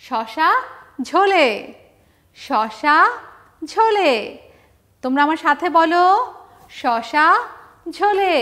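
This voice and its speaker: A woman with a Bangladeshi Bengali accent teaching a first-grade alphabet lesson, stretching words slowly and prompting children to repeat after her. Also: high-pitched, a bit bright. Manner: slow, stretched call-and-response drilling of words; encouraging, sing-song prompting of children. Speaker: primary school teacher.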